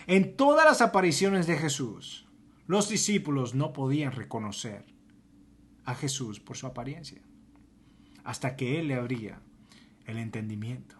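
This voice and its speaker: Husky man preaching with dramatic swings. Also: a little high, animated, normal speed, long pauses, fairly bright tone. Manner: dramatic, swings from emphatic to near-whispered. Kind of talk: sermon.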